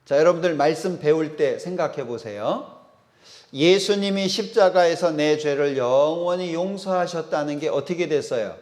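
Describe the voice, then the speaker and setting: A man's voice: on the high side, moderate pace, darkish tone. A man preaching a sermon as a pastor. He asks the congregation questions, answers them himself, and acts out the voices of the people in the Bible story.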